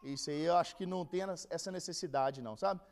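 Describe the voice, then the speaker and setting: A man's voice: fairly high pitch, fast talker. A man with a Brazilian Portuguese accent teaching a Bible lesson in a casual, storytelling way, acting out the people he quotes.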